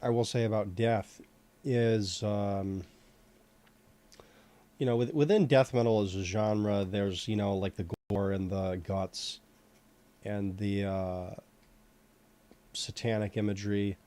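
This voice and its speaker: Male host, low and mellow, loose rambling chat full of fillers, casual swearing. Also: fairly even intonation, slow pace, pauses often. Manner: rambling, heavy on fillers like "you know" and "like". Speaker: host sculpting in 3D software. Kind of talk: casual chat while working.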